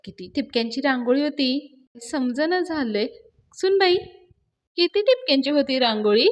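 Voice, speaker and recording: Woman doing a flustered old guy, high and indignant, keeps saying he did nothing. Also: animated, moderate pace, highs cut off. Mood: sheepish. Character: flustered elderly man, fussy and defensive.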